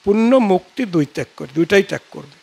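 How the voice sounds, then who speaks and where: A man with a Bengali accent giving a devotional sermon, telling scripture stories and chanting verses in a drawn-out way. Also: high-pitched, expressive, creaky, a little mellow, breathy edge. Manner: tells scripture stories acting out dialogue. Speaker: preacher.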